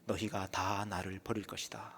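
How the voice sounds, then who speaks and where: A man's voice: on the low side, little pitch movement, moderate pace, fairly bright tone, husky, voice pushed down. A man voicing a stern male teacher who rebukes firmly and solemnly, in a reverberant church.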